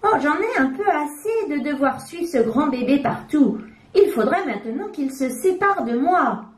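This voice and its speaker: A woman voicing a grumpy, complaining talking diaper in a children's storybook, high and whiny. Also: lively intonation, a little slow, echoey room. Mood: grumbling.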